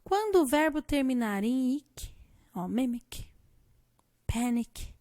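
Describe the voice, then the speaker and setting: Slow, patient Brazilian teacher woman. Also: sits high, sing-song, a little mellow, no room sound. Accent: Brazilian Portuguese. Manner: slow, patient explaining, spelling letters out. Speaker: English teacher. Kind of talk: recorded grammar lesson.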